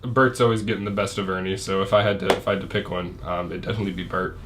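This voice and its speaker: A man's voice: deep voice, steady tone, racing, noisy background. A man co-hosting a casual podcast chat, rambling, laughing often, and trailing off mid-thought. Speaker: podcast co-host.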